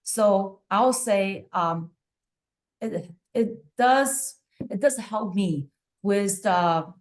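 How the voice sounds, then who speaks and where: This webinar presenter, a woman whose first language isn't English, teaches over a video call at medium pitch. She keeps things conversational, leaning on fillers and often asking "right?" to check in.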